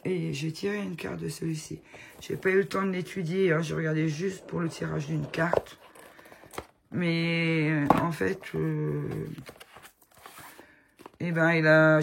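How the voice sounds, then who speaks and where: A woman with a cold talks to her viewers from home in a slow, unhurried way. Her voice is gravelly. She gushes fondly over each thing she shows, with a faint hiss in the background. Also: deep voice. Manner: chatty, fond, gushing over the items. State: has a cold, voice affected. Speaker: tarot channel host. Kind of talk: casual show-and-tell chat to viewers.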